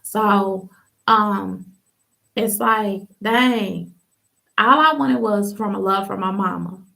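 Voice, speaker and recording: Gravelly young woman telling her story. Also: mid-range voice, slow, sharp tone. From Ohio, US. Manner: casual, candid storytelling with slang and many fillers. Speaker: podcast host telling her testimony. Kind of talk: personal testimony on a livestream.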